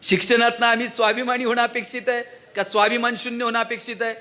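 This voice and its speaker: A man's voice: very high voice, level tone, fast talker, sharp tone, slight background noise. A man giving a motivational speech to students, full of rhetorical questions to the audience. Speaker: motivational speaker.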